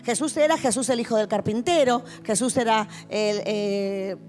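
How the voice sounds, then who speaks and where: At a church-hall youth meeting, a woman pastor with a Rioplatense Spanish accent gives a passionate, vividly told testimony sermon. Her voice is on the high side with a darkish tone and moderate pace, over faint background music.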